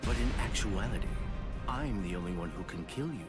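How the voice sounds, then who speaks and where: Guy doing a sly smirky swordsman traitor, low voice that swoops around a lot, loud music under it. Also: lively intonation, fairly quick, lightly acted. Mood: calm menace. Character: sly scheming male swordsman, turncoat captain. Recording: game audio with loud music.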